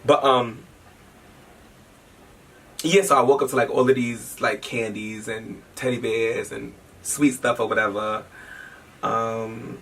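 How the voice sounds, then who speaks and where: Bright-voiced man telling a story, laughing. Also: mid-range voice, slow pace, long pauses, husky. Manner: animated, laughing often, swearing freely. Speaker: interviewee telling a shared story. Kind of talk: casual storytelling. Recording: distant mic with faint background noise.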